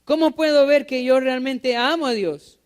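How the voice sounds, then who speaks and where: A man delivers a church sermon in a strikingly high voice. He keeps asking his listeners questions and then answers them himself. He drives his points home by repeating them. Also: moderate pace, clean tone. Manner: asks the congregation rhetorical questions and repeats key phrases. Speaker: pastor.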